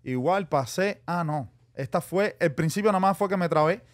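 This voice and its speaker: This high-pitched man, a podcast guest, tells a story in casual conversation at a moderate pace. He's an animated storyteller who acts out what people said to him and calls listeners "mi hermano".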